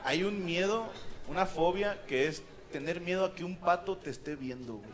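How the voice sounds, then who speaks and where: A stand-up comedian with a Mexican Spanish accent does crude, teasing crowd work in a high, lively voice at a moderate pace. He's performing in a large theater, and the live recording carries a loud crowd and plenty of noise.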